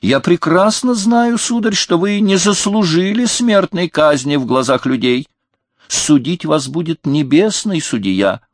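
A man's voice: medium pitch, unhurried, no room sound, studio quality, voice pushed up, lightly acted. A man voicing a tearful, pompous young king who scolds a courtier. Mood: shrill indignant.

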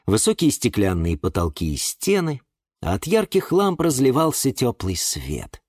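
A man narrating a children's storybook in a lively, expressive way. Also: mid-range voice, unhurried, dry recording, clean studio sound.

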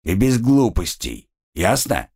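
A man voicing a stern male soldier who barks short commands in a low voice. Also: takes it slowly, husky, exaggerated voice. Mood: commanding. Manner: curt, commanding, low and flat. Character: stern, gruff adult male soldier guard.

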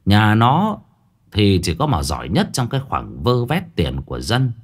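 A man's voice: fairly low pitch, huge pitch swings, moderate pace. A man narrating a folk ghost story in a vivid, dramatic way, with coarse village speech.

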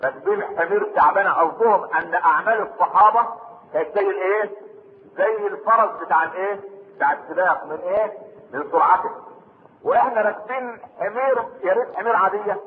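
Egyptian preacher on a tinny, echoing recording. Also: male voice, sits high, fast, slight background noise. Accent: Egyptian Arabic. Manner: mixes formal Arabic with colloquial speech, asks the audience rhetorical questions; prays aloud between points. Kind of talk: religious lecture series.

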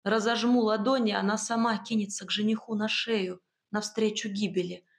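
A woman reading first-person fantasy narration for an audiobook in a measured, expressive way. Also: mid-range voice.

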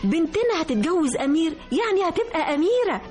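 Pushy, high-voiced Egyptian mother. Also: big pitch swings, fast, loud music behind the voice. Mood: insistent, proud. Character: pushy, proud middle-aged mother of the bride. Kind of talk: radio drama acting.

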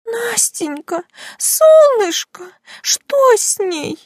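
A woman voicing a fussy, bossy elderly female neighbor in an audiobook, with a high cooing voice and a gushing, commanding manner. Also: big pitch swings, drawn-out words, a little mellow, no room sound, clean studio sound, heavily acted. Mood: alarmed. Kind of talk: audiobook character voice.

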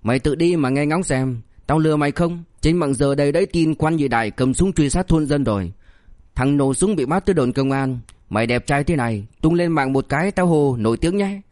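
A man's voice: on the high side, a little fast, a little mellow, no echo, clean studio sound, close to an everyday voice. A man voicing a blunt, threatening young boss who mocks and scolds in an audiobook story. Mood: menacing. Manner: harsh, threatening, mocking. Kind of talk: audiobook character voice.

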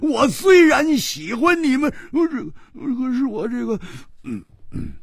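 A male storyteller puts on a hot-tempered young swordsman who trips over his words, stuttering and repeating himself in a high, wildly swooping voice. The tone is slightly husky and close, with a dry sound. It suits a storytelling radio broadcast. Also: huge pitch swings, moderate pace, no echo, heavily acted. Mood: flustered. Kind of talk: Chinese storytelling radio reading.

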